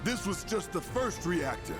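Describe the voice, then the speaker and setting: A man voicing a burly, passionate rebel leader in a video game, speechifying in a folksy, gravelly way. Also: sits high, very animated, a little slow, music in the background. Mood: stern, rousing.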